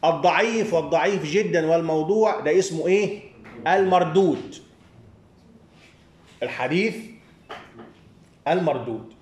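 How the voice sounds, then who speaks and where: A man's voice: fairly high pitch, moderate pace, pauses often, darkish tone, reverberant, slight background noise. A man with an Egyptian accent teaching a hadith studies class, leaving sentences open so his students can finish them. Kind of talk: classroom lecture with call-and-response.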